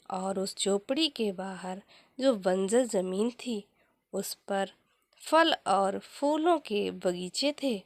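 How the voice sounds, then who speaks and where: A woman narrating a scripted motivational story as a storyteller, in measured, deliberate short phrases. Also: medium pitch, dry recording.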